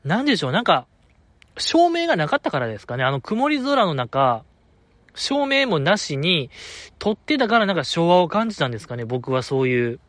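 Lively Kansai man chatting on a podcast. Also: a little high, brisk, dry recording. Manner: chatty, animated, laughs often, digresses. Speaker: podcast host. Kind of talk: casual solo podcast chat.

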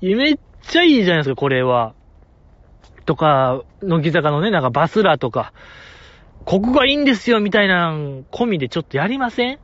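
A man's voice: high-pitched, brisk, dry recording. A man hosting a podcast in casual chat, joking and playful. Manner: animated, joking, playful put-on voices in quoted asides. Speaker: podcast host. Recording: dry, dull lo-fi podcast audio.

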